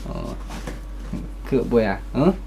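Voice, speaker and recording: A man's voice: medium pitch, huge pitch swings, extremely slow, creaky, background noise. A young man telling a story casually from his streaming room, blunt and swearing, acting out coworkers in raised voices. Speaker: streamer giving life advice.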